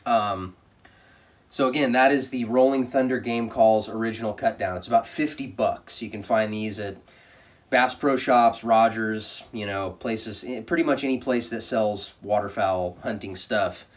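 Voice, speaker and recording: A man's voice: lowish voice, a little slow, far from the mic. A man giving a casual product review in a plainspoken, conversational way.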